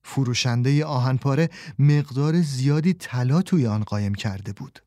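A man narrating a children's storybook in a calm, measured reading voice, close to the mic. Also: mid-range voice, no room sound.

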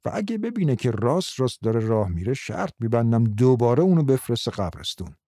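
A man's voice: mid-range voice, big pitch swings, dark tone, dry recording, studio quality. A man voicing a male villager who gossips in a mocking tone. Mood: gossipy.

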